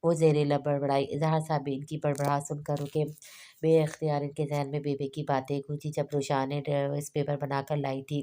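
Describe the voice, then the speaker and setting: A woman narrates a novel at a measured pace. Her voice is low and dark, with a flat, steady line and little melody. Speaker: audiobook narrator. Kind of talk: novel reading.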